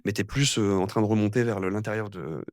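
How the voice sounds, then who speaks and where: A man's voice: on the low side, fast, no room sound, clean studio sound. A young man, a guest physiotherapist, chatting casually on a podcast and rambling with lots of fillers and restarts. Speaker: guest, physiotherapist and amateur triathlete.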